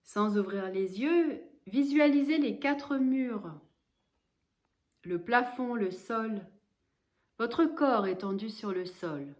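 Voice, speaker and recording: Pausing between each calm, measured instruction, a woman leads guided relaxation as a yoga nidra instructor in a fairly high voice.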